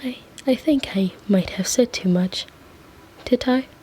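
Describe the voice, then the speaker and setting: Doting fussy angel bookseller voiced by a woman, whispered role-play, soft stammer, slow unhurried delivery. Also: fairly high pitch, a little hiss or hum, pitched above the performer's own voice, lightly acted. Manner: soft, hesitant, stammering endearments.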